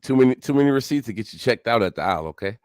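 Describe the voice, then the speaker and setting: A man's voice: medium pitch, animated, racing, a little mellow, no echo, clean studio sound. A man co-hosting a casual stream, reacting to a clip in laid-back slangy banter.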